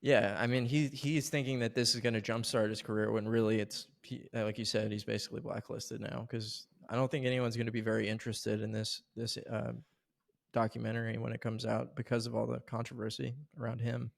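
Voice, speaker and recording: Rambling, gravelly-voiced male podcaster. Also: medium pitch, little pitch movement, brisk. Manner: rambling, many restarts and fillers, retells quotes animatedly. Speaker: podcast co-host. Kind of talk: casual podcast chat.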